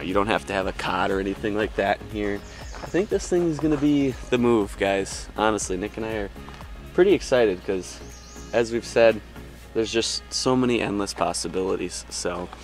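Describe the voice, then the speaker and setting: A young man talking upbeat and friendly to the camera from a campsite and a small tent, recorded on a camera mic. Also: on the low side. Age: young adult. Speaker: camping vlogger. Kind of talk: casual vlog to camera. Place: truck bed tent and campsite outdoors.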